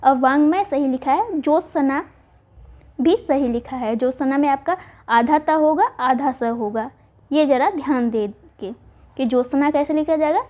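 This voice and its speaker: A woman teaching Hindi spelling for exam prep, spelling words out slowly and answering her own questions. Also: high-pitched, warm tone. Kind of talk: online exam-prep lesson.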